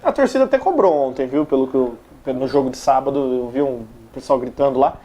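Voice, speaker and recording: A man's voice: mid-range voice, lively intonation, quick pace, dark tone. A man hosting a casual studio sports chat show, reading viewer comments aloud in a chatty way.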